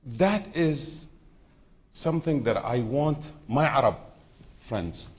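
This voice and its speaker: A man's voice: mid-range voice, expressive, slow pace. A middle-aged man from southern Iraq speaking on a conference panel, talking off the cuff, wandering off topic and often restarting sentences. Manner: unscripted, digressive, frequent restarts.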